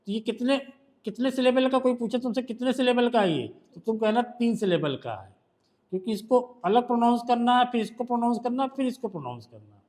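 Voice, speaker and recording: A man's voice: extremely high pitch, lively intonation, a little fast, a little mellow. A male shorthand teacher with a Hindi accent, patiently quizzing a student during one-on-one tutoring.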